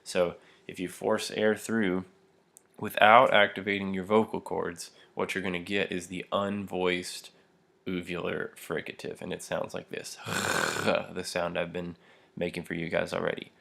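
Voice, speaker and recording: A man's voice: deep voice, level tone, moderate pace, creaky, a bit bright. A young adult man teaching a pronunciation lesson, explaining step by step with frequent fillers and small laughs while demonstrating throat sounds. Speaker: language teacher.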